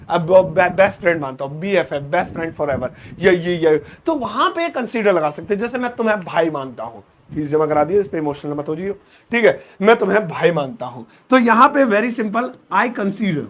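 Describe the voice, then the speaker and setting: A man teaching English in casual mixed Hindi and English, joking with students and repeating words slowly as he writes them. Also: high voice. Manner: lively, jokey, teasing asides to students.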